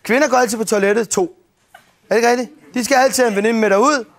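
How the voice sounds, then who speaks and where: A man doing stand-up storytelling on stage, animated and swearing freely as he acts out scenes with shouts and sound effects. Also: very high-pitched. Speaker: stand-up comedian. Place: stage before a live audience. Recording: TV broadcast with audience noise. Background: audience laughter.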